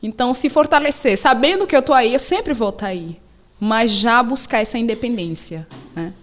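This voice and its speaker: A young adult woman, a solo mother talking casually in a podcast interview and acting out her daughters' voices as she tells stories. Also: moderate pace. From Brazil. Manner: animated storyteller, acts out her daughters in a high voice. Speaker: podcast host sharing her story.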